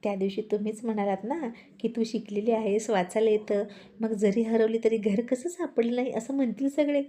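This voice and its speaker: Woman narrator as young wife, sharp tongue, scolding, storybook audio. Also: a little high, fairly even intonation, a little fast, natural voice. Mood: irritated. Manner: snappy, scolding.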